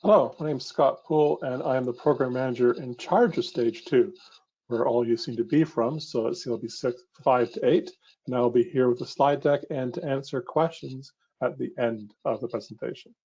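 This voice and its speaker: A man's voice: medium pitch, normal speed, darkish tone, husky. A man program manager introducing himself in a matter-of-fact way on a webinar. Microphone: video call. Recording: dull lo-fi call audio.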